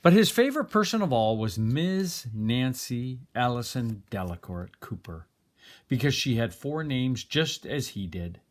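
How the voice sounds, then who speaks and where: Reading aloud from a children's story, a man narrates expressively in his role as storybook reader. His mid-range voice moves a little slowly.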